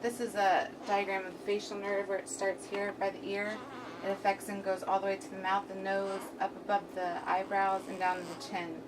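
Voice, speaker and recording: A woman's voice: mid-range voice, flat delivery, moderate pace, hardly any pauses. Young woman doing a student presentation, mouth sounds kinda half numb, mic far away, noisy room. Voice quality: slightly numb-mouthed speech from half-paralyzed face. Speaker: student giving a class presentation. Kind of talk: prepared classroom presentation. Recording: distant mic, clearly noisy room recording.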